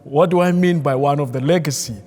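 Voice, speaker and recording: A man from Nigeria, an Anglican priest, speaking as a seminar panelist in a measured, hesitant way with many fillers. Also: a little high, darkish tone. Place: large church hall. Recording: long hall reverb, mic at a distance.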